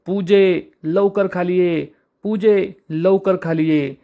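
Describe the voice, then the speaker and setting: Man reading as young woman wronged, accusing, angry, high voice, serial retelling. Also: unhurried, dull audio, close to an everyday voice. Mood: calling out. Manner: accusing, pleading.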